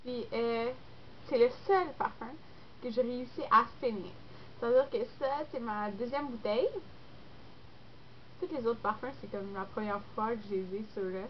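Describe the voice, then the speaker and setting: A young woman, a beauty vlogger with a Québécois French accent, sounds congested with a cold as she rambles casually to camera, sprinkling in fillers. She speaks at a fairly high pitch and a moderate pace, recorded in dull lo-fi with slight noise.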